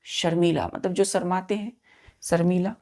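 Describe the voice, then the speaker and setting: A woman with a notably low, gravelly voice teaches a vocabulary lesson to her students. She spells each word slowly, one letter at a time, and counts the letters aloud with patient repetition. Her listeners are addressed as children throughout. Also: steady tone, a little mellow.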